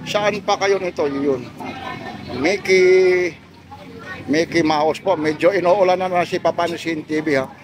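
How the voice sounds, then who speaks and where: Male street vlogger, high voice, chatty patter full of tag questions, outdoor market, phone camera. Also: fairly even intonation, moderate pace, few pauses. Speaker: vlogger showing goods at a market stall. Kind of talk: casual street vlog chat.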